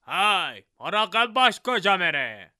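A man voicing a cheeky young male student who plays innocent, in a high, whiny voice. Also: big pitch swings, sharp tone, dry recording, clean studio sound, exaggerated voice. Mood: mocking.

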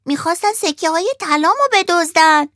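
Storybook puppet boy, high and sharp, eager, played by a woman. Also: dry recording, studio quality. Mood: telling. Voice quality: high childlike voice. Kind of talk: storybook voicing.

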